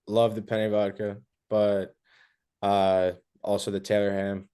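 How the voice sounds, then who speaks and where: Relaxed young man with a low voice. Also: slow pace, clean tone. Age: young adult. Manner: relaxed, short answers with fillers. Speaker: guest wrestler. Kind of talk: casual podcast interview.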